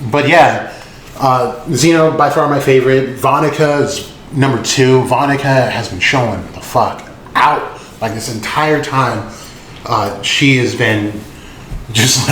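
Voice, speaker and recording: A man's voice: mid-range voice, fairly bright tone. A man hosting a casual anime commentary video, laid-back and rambling with lots of filler words and swearing. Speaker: host. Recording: echoey room with faint noise.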